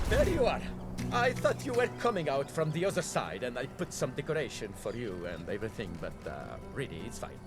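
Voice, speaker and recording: An actor playing a bumbling, boastful young masked vigilante in a video game, grandiose and mock-archaic, stammering when flustered. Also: male voice, medium pitch, sing-song, fairly quick, over music, close to an everyday voice. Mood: flustered, sheepish. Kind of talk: cartoonish swashbuckling game acting.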